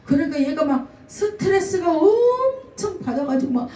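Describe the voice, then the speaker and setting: Her voice runs on the high side and her pace is ordinary as this middle-aged pastor delivers a sermon built on anecdotes about people she encountered. She brings their quotes to life vividly, and the recording, made in a church sanctuary, carries room echo from a far-off mic.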